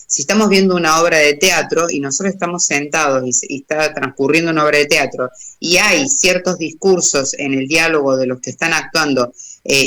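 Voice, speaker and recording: A woman with an Argentine accent, a radio guest explaining an idea thoughtfully, pausing often with hesitations. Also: low voice, a bit bright. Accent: Argentine Spanish. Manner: thoughtful, frequent hesitations and restarts. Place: radio studio.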